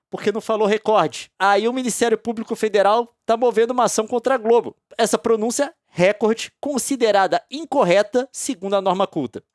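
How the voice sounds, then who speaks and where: A woman with a Brazilian accent hosts a casual commentary, reading a news story aloud and mocking it with heavy, repeated emphasis and sudden loud outbursts. Her voice is mid-range, recorded dry with clean studio sound.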